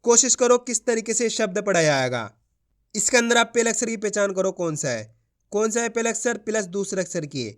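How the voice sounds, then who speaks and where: A man's voice: high-pitched, lively intonation, fairly quick. A man teaching Hindi reading. He sounds out each syllable and then joins them into the whole word, and he calls his viewers friends as he coaxes them to try.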